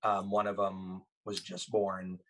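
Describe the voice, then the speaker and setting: Brief lower-voiced man, 40s, Thai first language, easygoing guest who rambles and restarts. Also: monotone, slow pace, slight background noise, rough recording. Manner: rambling with frequent ums and self-corrections. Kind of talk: casual interview talk.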